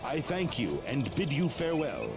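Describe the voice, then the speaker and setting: A bold fantasy game hero in armour. His mock-biblical, courtly phrases rise and fall dramatically. Music sits clearly behind the voice. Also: mid-range voice, wildly swooping pitch, normal speed. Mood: courteous, bold. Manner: mock-archaic, quasi-biblical courtly speech. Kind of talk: scripted fantasy game dialogue.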